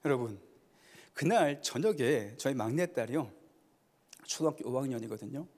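A man's voice: medium pitch, lively intonation, moderate pace, darkish tone, long reverb tail. A male pastor preaching a sermon, telling stories with acted dialogue and building to emphatic calls. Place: church sanctuary.

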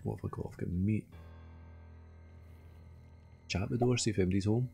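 Casting: Scottish male game streamer, casual running commentary, deep voice with plenty of fry. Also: normal speed, warm tone, faint music behind. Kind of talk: casual live gameplay commentary, chatting to viewers.

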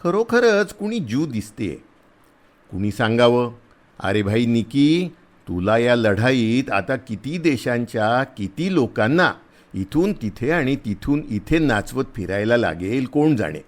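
Man playing a gruff soldier, loud, scolding, teasing, big swings in pitch, storybook reading. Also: lively intonation, measured pace, natural voice. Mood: blustering. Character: big gruff soldier, blustering but kind.

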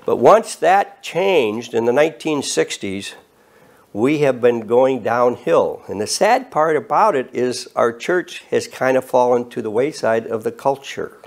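A man of eighty preaching an earnest, measured sermon from a podium and rising in emphasis on key words. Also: medium pitch, gravelly, darkish tone. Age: 80s. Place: studio set with bookshelves and flags.

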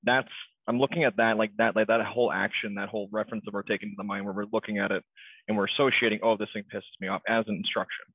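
A man in a group discussion, asking a halting question and searching for words over a video call. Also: on the low side, flat delivery, slightly rough, no echo, narrow, tinny audio. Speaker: student.

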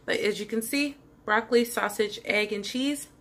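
Bright, chatty woman vlogger. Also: mid-range voice, normal speed. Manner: chatty, talks to viewers directly. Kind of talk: casual cooking vlog.

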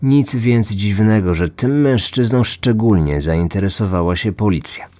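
A podcast host delivers scripted true-crime narration over background music. His fairly low voice is warm and his pace measured.

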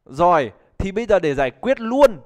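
A man's voice: high-pitched, big pitch swings, normal speed. A man, teaching a live online pronunciation class in a chatty, joking way and calling on students to answer. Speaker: English teacher.

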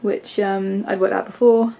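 A young English woman in her twenties vlogs casually from her bedroom, holding the camera at arm's length and rambling with plenty of ums and likes through a congested, stuffy nose. Her mid-range voice is level, a little slow, gravelly and dark. The low-quality recording carries slight background noise.

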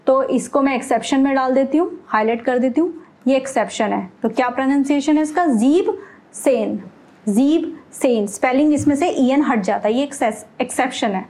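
A woman with a high, light voice, teaching a beginner language lesson. She keeps posing questions to the learner and answering them herself, slipping English words into her explanations. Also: a little mellow. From India.

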